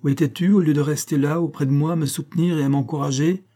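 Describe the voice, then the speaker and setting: A man's voice: mid-range voice, normal speed, warm tone, voice pushed up, natural voice. A man reading aloud, voicing a proud, furious young opera singer who scolds and commands. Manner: imperious, scolding.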